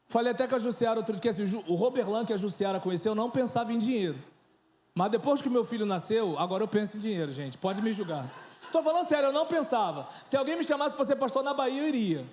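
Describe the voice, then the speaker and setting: Pastor, man in his 30s, very high voice, animated and joking, informal sermon in an echoey church. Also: fast. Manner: animated, joking, shifts into loud and soft.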